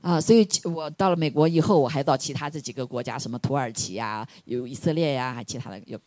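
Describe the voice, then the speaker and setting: A woman pastor interpreting a sermon live, speaking quickly with fillers and soft laughs. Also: a bass voice.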